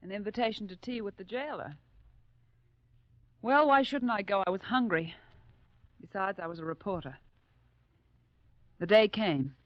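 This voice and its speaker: An actress playing a plucky, defiant American woman war reporter in a grave 1940s radio drama, with a crisp, dramatic, wry delivery. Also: mid-range voice, no echo, close to an everyday voice. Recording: muffled old 1940s radio recording.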